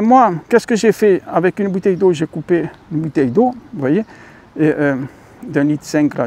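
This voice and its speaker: Sitting high and a little mellow, this man's voice carries a French accent as he hosts his YouTube channel. He addresses viewers as dear friends in a loose, meandering monologue packed with fillers and corrections of himself.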